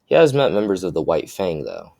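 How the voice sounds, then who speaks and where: A young man improvising a fan-fiction story aloud, halting, with many restarts and fillers. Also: low-pitched, huge pitch swings, gravelly, a little mellow.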